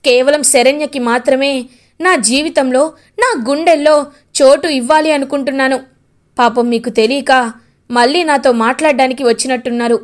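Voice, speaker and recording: A calm, sincere young man, as a woman narrator puts him on, speaking plainly and earnestly. The voice stays high and even. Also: normal speed, lightly acted. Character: reformed young man, Darshan.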